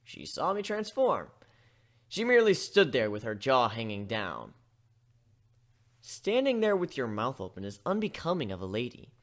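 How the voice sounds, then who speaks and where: Shifting between narrator and character voices, a man performs an expressive amateur reading of a first-person tale. His mid-range voice keeps a moderate pace.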